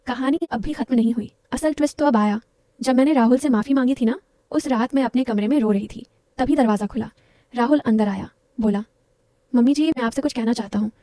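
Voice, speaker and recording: A woman's voice: fairly high pitch, mellow, no room sound. A woman narrating a first-person story in an intimate, confiding way, talking straight to her listeners.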